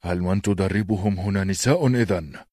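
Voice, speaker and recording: A man's voice: low-pitched, normal speed, a little mellow, no echo, studio quality. A man voicing a huge, menacing scarred knight in an audiobook, contemptuous in tone. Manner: contemptuous, challenging.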